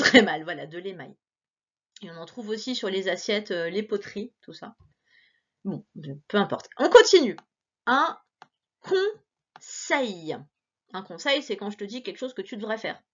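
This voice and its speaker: A woman teacher giving a recorded reading lesson to a child, encouraging and playful, stretching out words slowly. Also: mid-range voice, pushed and bright, muffled recording. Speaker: primary school teacher.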